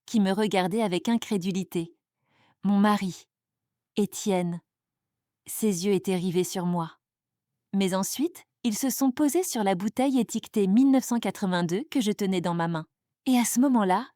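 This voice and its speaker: A woman's voice: mid-range voice, warm tone, no room sound, clean studio sound. A woman narrating a dramatic first-person story in a suspenseful storytelling manner.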